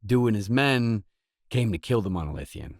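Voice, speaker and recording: In a video game, a male actor voices a terse, guarded mercenary, delivering scripted lines matter-of-factly. His voice sits on the low side, animated and at a moderate pace. The studio-quality recording has no echo.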